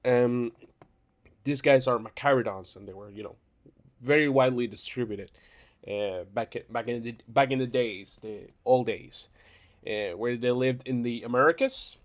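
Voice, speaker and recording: A man's voice: medium pitch, normal speed. A young man hosting his own tier-list channel while sick, his voice stuffed up and nasal. He rambles in a casual, unscripted way, restarting phrases and circling back as he goes. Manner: rambling, self-correcting, laughs between phrases. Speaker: YouTube channel host.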